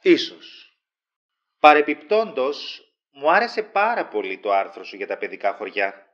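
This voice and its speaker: An actor playing a manipulative male boss who speaks in a smooth, persuasive way. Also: medium pitch, a bit bright, close to an everyday voice. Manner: silky and persuasive. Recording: dull lo-fi sound.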